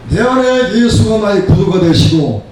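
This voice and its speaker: A pastor in his 70s preaches in a higher-pitched, expressive voice at a normal speed, emphatic and repeating phrases in parallel for stress. The room is very echoey, the mic distant, with faint noise.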